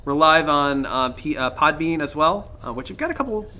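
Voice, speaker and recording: Bright-voiced joking man on a podcast. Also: fairly high pitch, animated, fairly quick, slight background noise. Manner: joking, rambling, many fillers. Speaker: podcast co-host. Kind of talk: casual chat.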